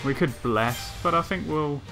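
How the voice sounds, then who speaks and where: A man's voice: fairly high pitch, normal speed. A man giving casual let's play commentary, thinking aloud hesitantly as he plans his moves. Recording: game music behind voice.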